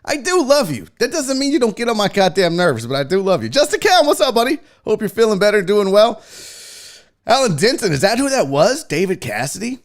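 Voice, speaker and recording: A man's voice: sits high, very animated, brisk. A man hosting a casual livestream, greeting viewers in slangy, buddy-like terms with blunt, profane, joking talk. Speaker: livestream host.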